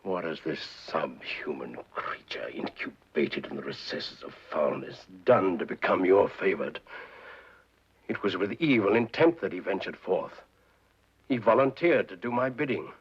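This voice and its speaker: A grandiloquent devil, husky and low. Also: male voice, animated, normal speed. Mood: indignant. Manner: grand, theatrical, pleading. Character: suave scheming male devil, ruler of hell. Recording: dull 1940s film soundtrack.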